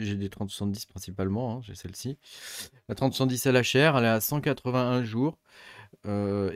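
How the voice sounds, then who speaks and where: A man's voice: fairly low pitch, no echo. Hesitant man explaining, dry close sound. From Europe. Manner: hesitant, many fillers and restarts. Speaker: crypto mining YouTuber. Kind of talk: casual screen-share explainer.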